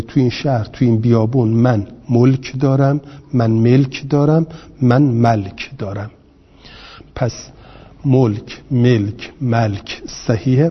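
A man teaching Arabic grammar, explaining slowly and repeating words and vowels one by one. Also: medium pitch, breathy edge. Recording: lo-fi recording in a long-reverb room.

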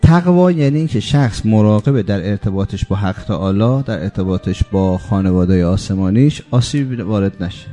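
A man giving a religious sermon, speaking emphatically and piling up repeated lists, slowing down to stress key words. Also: lowish voice, lively intonation, mellow, soft background music. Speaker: preacher.

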